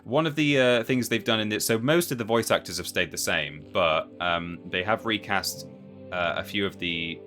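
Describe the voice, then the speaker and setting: A man commentates casually as he plays a game. His voice is very deep yet bright and forceful, rambling as he thinks aloud, with soft music underneath. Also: moderate pace. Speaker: live streamer playing a game.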